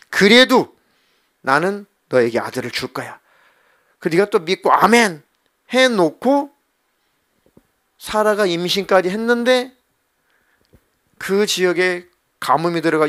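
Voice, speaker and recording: A middle-aged man preaching from the pulpit with a fairly high voice. He talks plainly and directly, as if chatting with his congregation, and slips into quick spoken dialogue to make his point. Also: fairly bright tone. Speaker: pastor. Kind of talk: Wednesday evening sermon.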